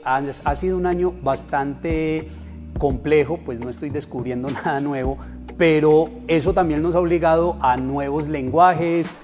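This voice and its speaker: A man, a program organizer, giving a friendly invitation to the public. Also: fairly high pitch. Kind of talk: promotional invitation. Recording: music clearly underneath.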